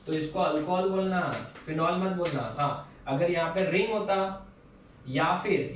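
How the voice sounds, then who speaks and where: A male teacher at a chalkboard giving a chemistry lesson. He asks his students questions and answers them himself, mixing Hindi with English technical terms. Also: on the high side. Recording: roomy and distant, faint background hum.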